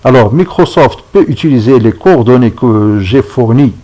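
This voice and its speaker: A man giving a step-by-step software tutorial, checking in with his viewers as he goes. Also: medium pitch, expressive, poor audio. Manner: slow, step-by-step, checks in with "d'accord?". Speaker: instructor. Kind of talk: screen-recorded software tutorial.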